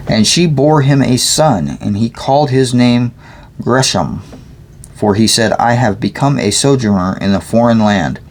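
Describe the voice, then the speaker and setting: A man's voice: mid-range voice, a little slow, darkish tone. A sleepy man reading scripture aloud, stumbling over names and adding joking asides. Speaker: Bible reader.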